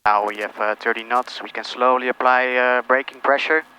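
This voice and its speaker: A man's bright, forward voice comes over a cockpit headset with faint engine noise behind it. He is a pilot calmly talking through each step of his flying, in casual, procedural commentary. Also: mid-range voice, normal speed, rough recording. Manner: calm, procedural. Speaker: pilot narrating a flight. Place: small aircraft cockpit in flight. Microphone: aviation headset.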